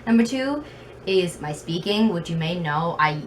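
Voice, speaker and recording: Speaking from her bedroom at a measured pace, a vlogger tells rambling stories with a self-deprecating, chatty slant. Her voice is on the low side and expressive, with a very slight lisp. The distant mic picks up a fan humming in the noisy room.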